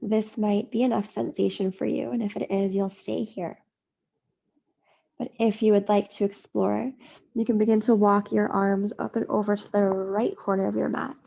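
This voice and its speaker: A woman yoga teacher leading a slow guided practice, soothing and unhurried with long pauses. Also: mid-range voice, flat delivery, gravelly, warm tone, highs cut off.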